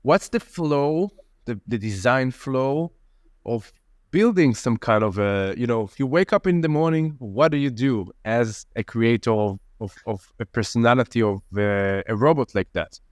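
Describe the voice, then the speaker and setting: A man hosting a casual podcast, asking questions in a halting way and searching for words. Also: medium pitch, animated, no echo, clean studio sound. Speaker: podcast host.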